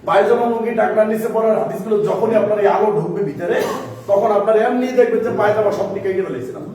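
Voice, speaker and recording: A man's voice: high voice, very fast, warm tone, distant mic, slight background noise. A man teaching a Quran reading class, explaining step by step and asking the class questions. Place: mosque-side classroom. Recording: echoey room recorded from afar.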